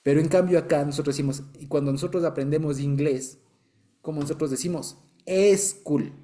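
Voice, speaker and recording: On the high side and warm, this man's voice stays level while moving at a quick pace. He teaches a Bible study in Ecuadorian-accented Spanish, explaining with patience, checking often that people understand, and chuckling occasionally.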